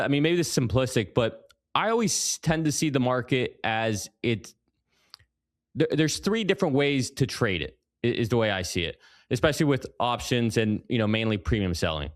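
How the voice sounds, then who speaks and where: A man's voice: mid-range voice, very animated, moderate pace. A man hosting an interview over a video call, asking long questions with many restarts. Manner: hesitant, restarts, laughs easily. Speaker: interviewer, podcast host.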